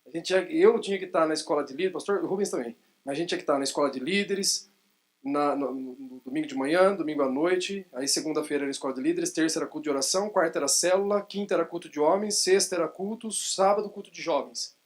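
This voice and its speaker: A man pastoring a church, speaking slowly and reflectively about his past congregation. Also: a little high. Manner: slow, reflective, recounting church routine. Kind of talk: sermon.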